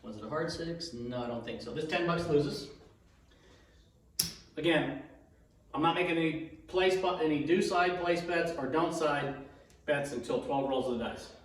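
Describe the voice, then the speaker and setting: Male demonstrator with a cold, fairly high voice, casual halting play-by-play with repeated calls, recorded in a very echoey room. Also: slight background noise. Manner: halting, self-narrating, repeats each call. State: has a cold, throat-clearing. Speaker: dice betting demonstrator. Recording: very echoey room, distant mic.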